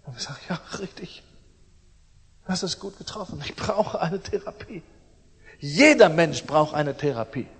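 A man's voice: on the high side, animated, a little slow, long pauses, slightly rough. Emphatic preacher man in an echoing hall. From East Germany. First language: German. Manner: emphatic, swings between loud and soft, repeats phrases. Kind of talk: sermon. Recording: long hall reverb.

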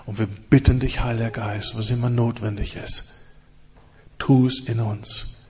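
A man preaching and leading prayer with fervor, in repeated rising phrases and hushed stretches. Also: mid-range voice, fairly even intonation, unhurried, husky. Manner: fervent, repetitive prayer cadence with hushed stretches. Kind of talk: sermon and prayer.

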